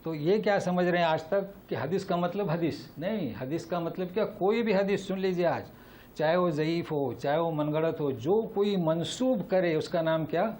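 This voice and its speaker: Man, Islamic teacher, Quran lesson, emphatic, repeats rhetorical questions, fairly high voice. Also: a little mellow.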